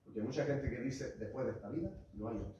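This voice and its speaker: A man preaching a sermon as pastor, passionate, rising to loud cries and dropping to low asides, calling his listeners brother and church. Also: fast, a little hiss or hum. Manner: addresses the congregation as "hermano" and "iglesia". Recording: echoey hall, voice far from the mic, muffled.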